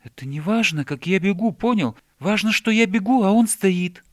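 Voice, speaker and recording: A man's voice: high voice, moderate pace, dry recording, clean studio sound, voice pushed up. A man voicing a small, eager male hedgehog who explains things insistently in a storybook reading. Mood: explaining. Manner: excited, explaining with urgency.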